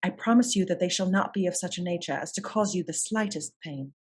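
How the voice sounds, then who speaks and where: A woman's voice: fairly low pitch, brisk, breathy edge. A woman playing a self-assured aristocratic lady detective in a radio play, formal and articulate. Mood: politely persuasive.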